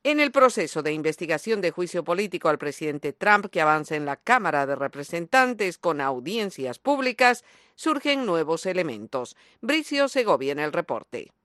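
A woman's voice: on the low side, big pitch swings, normal speed, fairly bright tone, no room sound, studio quality. A woman presenting scripted news as a radio host, with a formal announcer delivery in an AM radio style.

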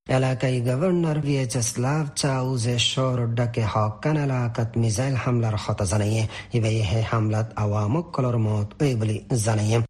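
A man presents scripted news in the manner of an AM and shortwave radio announcer. He has a Rohingya accent and a medium-pitched voice with a lightly husky grain. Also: steady tone, normal speed, few pauses, a little mellow.

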